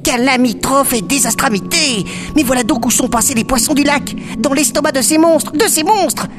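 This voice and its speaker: Woman playing a tiny storybook duckling, very high squeaky voice, rapid breathless chatter, echoing his own words, music behind. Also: close to an everyday voice. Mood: alarmed. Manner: breathless, repeats words, mangles big words. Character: small brave excitable male duckling. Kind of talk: storybook acting.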